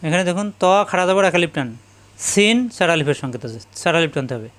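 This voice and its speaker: A man teaching Quran letter pronunciation step by step, drilling each letter slowly and chanting drawn-out Arabic sounds. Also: fairly high pitch, animated, a bit bright. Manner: slow, drilling letter sounds one by one and repeating them.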